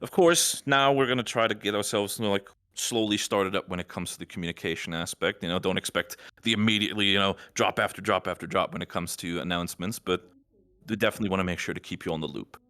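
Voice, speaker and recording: A man with a somewhat low voice talks through a podcast update for his project's community. He rambles a little, circling back and restarting phrases, but keeps a reassuring tone as he lays out how things will work. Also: fast, sharp tone. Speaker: admin team member.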